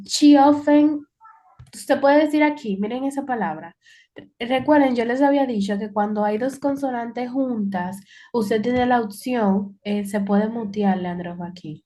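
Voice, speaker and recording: A woman's voice: a little high, warm tone. A woman teaching English in an online class, explaining patiently and repeating key points.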